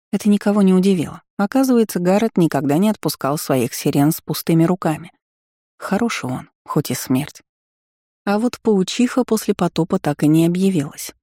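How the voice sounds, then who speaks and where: A woman reading a first-person fantasy novel aloud in a wry, lively storytelling manner. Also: lowish voice, dry recording, clean studio sound. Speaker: audiobook narrator.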